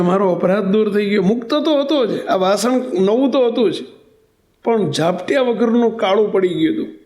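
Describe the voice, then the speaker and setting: A man's voice: high-pitched, darkish tone. A Gujarati-accented man giving a religious discourse to a congregation, telling a story and asking his listeners questions. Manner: storytelling, asks the audience questions. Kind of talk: sermon.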